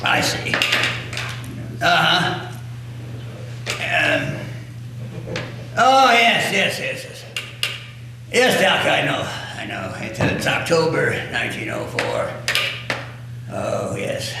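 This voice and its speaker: A man's voice: a little high, lively intonation, drawn-out words, creaky, pauses often, full character voice. An actor playing a stubborn, grumbling elderly riverboat magnate in a folksy one-man stage monologue. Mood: cranky. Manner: folksy, grumbling, talks back to an unseen doctor. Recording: echoey room, distant mic, noisy.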